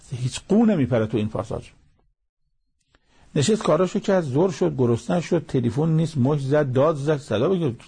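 A man's voice: fairly high pitch, gravelly, dark tone, husky. A man preaching a sermon with Quran commentary, reciting Arabic verses and telling moral anecdotes.

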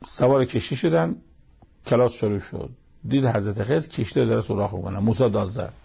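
A man's voice: lowish voice, gravelly, mellow, slightly rough. A man giving a Quran commentary lesson, explaining verse by verse in a plain, conversational way and retelling stories as dialogue. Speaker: Quran interpreter.

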